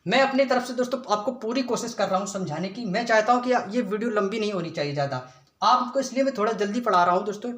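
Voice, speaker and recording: Speaking quickly in a high, somewhat bright voice, a young man leads an exam-prep class in an echoey room. Every question he asks the students he answers on his own, and "friends" turns up in almost each sentence.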